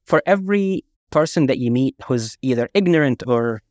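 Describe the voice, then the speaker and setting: A man from Egypt, a guest author telling emphatic, animated anecdotes in a casual interview. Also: medium pitch, normal speed, no room sound, clean studio sound. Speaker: guest, author and army veteran.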